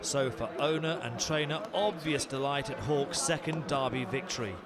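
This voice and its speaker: A man's voice: mid-range voice, moderate pace, over a noisy crowd. A man narrating a sports review programme in a polished, emphatic voice-over. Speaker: programme presenter.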